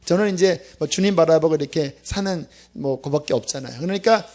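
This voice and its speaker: A man preaching a Friday sermon to his church, with a fairly high voice. He talks to the congregation like a friend, with sudden loud bursts and quiet, almost whispered asides. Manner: animated, conversational preaching with quick swings from loud to hushed. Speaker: pastor. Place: church sanctuary.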